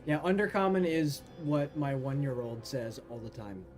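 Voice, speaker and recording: A man's voice: medium pitch, expressive, moderate pace, soft background music. A man talking casually as a tabletop role-playing player, thinking aloud and joking dryly. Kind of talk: casual talk during tabletop role-play.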